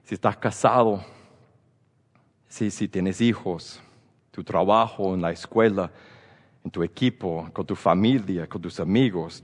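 A man preaching a sermon, often repeating and restarting words as he works through his points, sometimes acting out outbursts. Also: on the low side. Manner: halting and repetitive, restarting words, rising to acted outbursts. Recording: long hall reverb.

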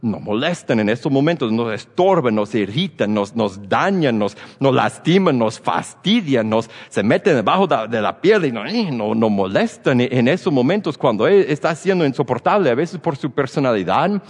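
A man's voice: mid-range voice, big pitch swings, breathy edge. A man preaching a sermon, often repeating and restarting words as he works through his points, sometimes acting out outbursts. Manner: halting and repetitive, restarting words, rising to acted outbursts. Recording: long hall reverb.

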